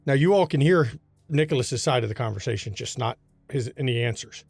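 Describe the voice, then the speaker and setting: A man narrating a tabletop role-playing game as game master, in a descriptive, unhurried storytelling manner. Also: mid-range voice, lively intonation, vocal fry, a little mellow, slightly rough, dry recording, soft background music.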